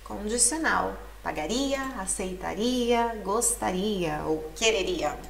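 A woman's voice: mid-range voice, animated, creaky, slight background noise. Woman teaching Italian in an echoey room. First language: Portuguese. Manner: explains patiently, reading lyric lines aloud slowly. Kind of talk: language lesson. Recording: echoey room, mic at a distance.

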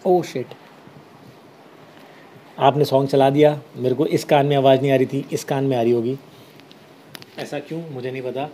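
A man's voice: mid-range voice, steady tone, normal speed, pauses often, warm tone, a little hiss or hum. A man from Uttarakhand hosting a casual live stream, reading viewer comments aloud and answering them with easygoing reassurance. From Uttarakhand, India. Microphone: headset.

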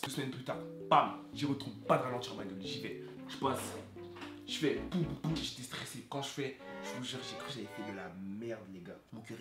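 A young man vlogging, telling his story with animated, dramatic, slangy delivery. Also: mid-range voice. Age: young adult. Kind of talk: storytelling vlog. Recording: roomy echo with music behind.

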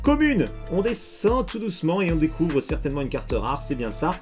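A man chatting excitedly to his viewers while opening trading card packs on camera. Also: fairly high pitch, fairly quick, faint music behind. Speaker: card unboxing youtuber. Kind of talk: casual unboxing commentary.

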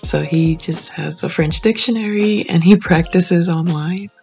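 A young woman talking casually as a home makeover vlogger, chatty and relaxed with soft laughs. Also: on the low side, unhurried, vocal fry, soft background music. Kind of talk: casual vlog voice-over. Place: small home office indoors.

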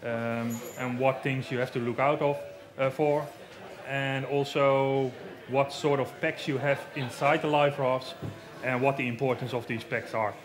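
Speaking in a flat, unhurried way at medium pitch over music, the Dutch-accented man in his thirties demonstrates safety equipment on stage in a big marquee at an outdoor show. He wears a headset mic and explains things plainly, using many fillers.

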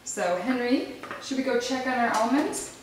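A mother in her thirties with a high, expressive voice hosts a casual home cooking video at a moderate pace, patiently coaxing small children along as she demonstrates. The large indoor kitchen is echoey, and a distant camera across the counter records very noisy audio of clattering pans, dishes, clicks, and children.

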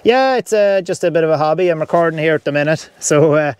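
A man's voice: fairly high pitch, fast, a little mellow, smooth. Upbeat Irish man on ham radio. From Ireland. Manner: upbeat, friendly, reads call signs out phonetically. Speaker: amateur radio operator on a field activation. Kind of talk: casual on-air radio chat. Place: inside a camper van.

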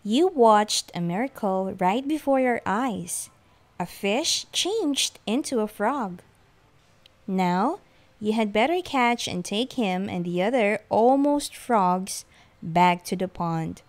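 A woman's voice: medium pitch, slow pace. A woman as a kind smiling storybook mom. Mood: fond. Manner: calm and warm. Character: kind smiling mother, gently teasing.

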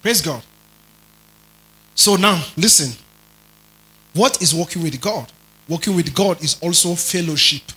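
Male pastor for a sermon. Lifted high pitch, dramatic delivery that swings from soft asides to shouted lines, calls out questions to the room. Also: lively intonation, a little slow, pauses often, rough recording. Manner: dramatic preaching, shifts between soft asides and shouted emphasis; asks the congregation questions.

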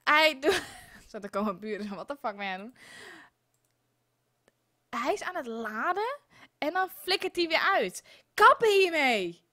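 A young woman live-streaming a game, exasperated and swearing, with loud outbursts and a sore throat. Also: high-pitched, expressive, normal speed, pauses often.

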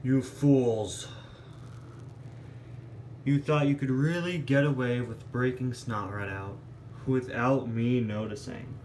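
A man's voice: medium pitch, slow pace, long pauses, a little mellow, roomy sound, slight background noise, close to an everyday voice. A man voicing a smug, scornful villain toy car who issues haughty commands. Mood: menacing.

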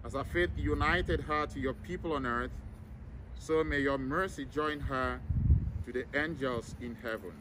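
A man leading a solemn graveside prayer as a priest, reciting in a measured, formal way outdoors. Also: mid-range voice. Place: outdoors in an open cemetery. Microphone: camera several meters away, speaker masked. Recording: outdoor recording with clear background noise.

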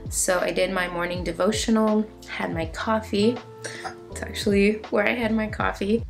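A woman in her twenties talking casually to the camera in a chatty, explanatory way, like a vlogger, indoors at home. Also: medium pitch. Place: indoors in an apartment.

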